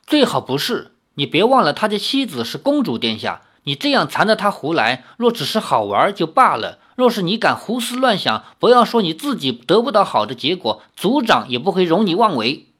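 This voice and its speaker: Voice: medium pitch, sing-song, moderate pace. A reader voicing a cautious, commanding elder martial sister who scolds her junior, in a storybook audiobook. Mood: stern. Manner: stern, admonishing. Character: stern older sister in arms, cautious and commanding.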